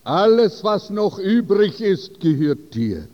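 A man's voice: sits high, very animated, slow pace, in a large hall, dull audio, full character voice. A man voicing a remorseful young groom who speaks sadly and apologetically. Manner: subdued, apologetic.

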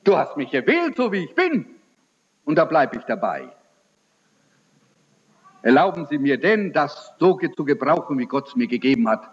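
A man preaching a sermon in a loud, forceful voice. He asks impassioned rhetorical questions and builds slowly to emphatic points. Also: on the high side, big pitch swings. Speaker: evangelist preacher. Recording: echoey hall, dull lo-fi sound.

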